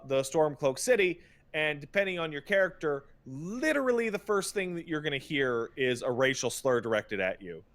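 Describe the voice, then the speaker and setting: A man with a slightly high, fairly bright voice hosts a podcast, ranting casually about video games. He's emphatic and profane, halting with repetitions and mocking paraphrases.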